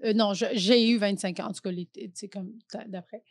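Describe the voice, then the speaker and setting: Chatting as a podcast guest, the Québécois-accented comedian in her thirties laughs a lot and rambles with fillers and false starts. She speaks a little fast at medium pitch with fairly even intonation, in clean studio sound with no room sound.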